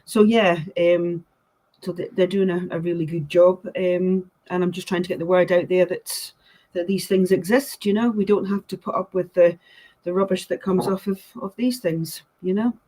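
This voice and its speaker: A woman's voice: on the low side, fairly even intonation, normal speed, mellow, rough recording. A woman chatting casually in a hesitant, informal manner. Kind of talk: casual chat.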